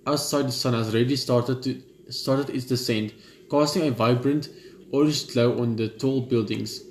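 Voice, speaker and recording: This gaming channel host reads a visual novel's text aloud and chats between passages, casual and stumbling, letting slip the odd offhand swear. His mid-range voice is steady at a moderate pace, recorded in an echoey room with a little hiss or hum.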